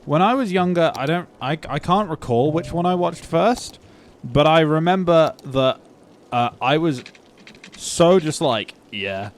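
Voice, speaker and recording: A man's voice: a little high, measured pace. A young man co-hosting a gaming podcast, chatting casually with joking and swearing. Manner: jokey, sweary, breaks into silly voices. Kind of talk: casual chat over gameplay.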